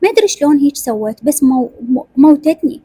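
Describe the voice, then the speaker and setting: A woman's voice: high-pitched, lively intonation, fast, warm tone, no echo. A woman with an Iraqi accent narrating a rural family drama in the first person, acting out each character. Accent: Iraqi Arabic. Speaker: storyteller.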